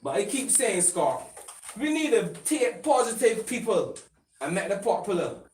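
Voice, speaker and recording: Radio co-host, man, lively and loud in bursts, roomy studio, mic set back. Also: sits high, moderate pace. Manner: animated, rising to loud excited bursts. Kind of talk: casual radio talk. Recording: roomy studio, distant mic, faint noise.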